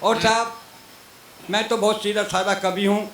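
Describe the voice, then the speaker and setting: An older man performing comic poetry on stage, declaiming loudly and teasing the other poets. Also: high voice, level tone, unhurried, heavy background noise. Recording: echoey stage PA sound.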